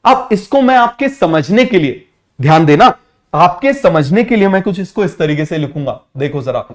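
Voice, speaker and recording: Male biology tutor, high voice, call-and-response drilling, casual online lecture. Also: lively intonation, moderate pace. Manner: drills students with repeated call-and-response questions; mixes English science terms into casual talk. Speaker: biology teacher. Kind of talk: online exam-prep lecture.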